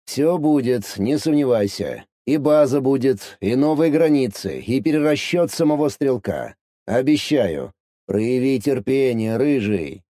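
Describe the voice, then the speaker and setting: A man reading an audiobook, voicing a calm, secretive man who speaks in a measured, condescending way. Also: mid-range voice, no room sound, clean studio sound, close to an everyday voice.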